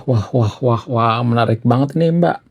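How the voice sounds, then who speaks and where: A man in casual chat, asking questions in a slow, amused way with drawn-out interjections. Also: mid-range voice, a little mellow, highs cut off.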